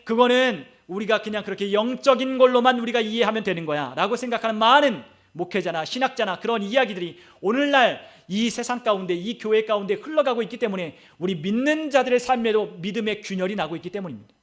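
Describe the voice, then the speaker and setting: A man's voice: high voice, fast talker. A male pastor preaching a sermon, asking rhetorical questions and repeating phrases for emphasis, recorded in a church. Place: church sanctuary.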